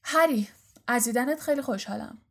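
A woman's voice: fairly high pitch, very animated, darkish tone. A woman voicing a pompous, formal teenage boy in an audiobook. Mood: haughty. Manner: haughty and formal.

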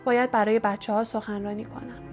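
A woman voicing a stern older female school professor, speaking gravely with a hoarse edge in an audiobook. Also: a little high, little pitch movement, over music, close to an everyday voice. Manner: grave, strict, hoarse-voiced. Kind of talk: audiobook character reading.

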